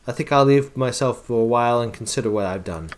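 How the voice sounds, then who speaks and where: A man's voice: medium pitch, fast talker, slight background noise, close to an everyday voice. A man doing a proud old wizard. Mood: rueful. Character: older male wizard, proud, gruff, calls hero boy.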